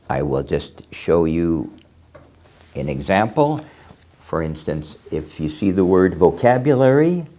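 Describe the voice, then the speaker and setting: A man teaching English pronunciation to a class, explaining slowly and deliberately with frequent pauses and fillers. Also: sits low, warm tone. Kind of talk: classroom lesson.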